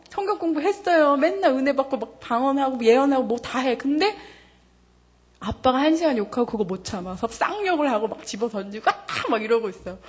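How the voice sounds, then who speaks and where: A woman in her thirties giving a testimony to a congregation, candid and animated, laughing often, her voice jumping high when she gets excited. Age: 30s. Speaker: church member giving testimony.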